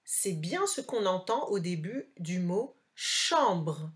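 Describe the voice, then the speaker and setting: A woman teacher, recording a slow dictation lesson for a child and carefully articulating each word. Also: lowish voice, very animated.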